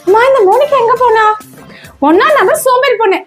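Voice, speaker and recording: High-pitched scolding cartoonish mother, voiced by a woman. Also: a little fast. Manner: scolding, bossy. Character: scolding mother, strict with daughter, doting on baby. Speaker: mother Sarala. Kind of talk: comedy skit dialogue. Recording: faint music behind.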